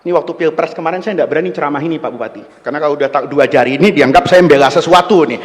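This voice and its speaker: A male preacher giving a humorous sermon, telling stories in an animated, joking way. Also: a little high, rapid-fire, big-room sound.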